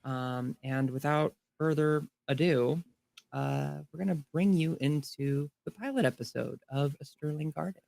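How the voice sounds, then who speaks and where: A woman hosting as game master of a tabletop game stream, speaking haltingly with many fillers. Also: low-pitched, gravelly, mellow. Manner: halting, many ums and uhs.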